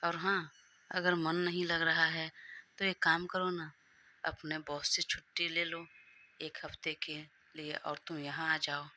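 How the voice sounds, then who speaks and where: A gentle, fussing middle-aged mother, voiced by a woman narrator, soothes and advises her child. The delivery is slow and tender with a very bright timbre, as in a storybook audio drama. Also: low-pitched, little pitch movement. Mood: affectionate. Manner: soothing, affectionate advice.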